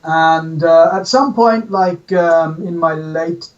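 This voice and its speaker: A man from the UK, telling his story as an interview guest in a relaxed way. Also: a little high, slow pace, distant mic, lo-fi sound. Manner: relaxed storytelling, says "yeah?". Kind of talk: casual interview.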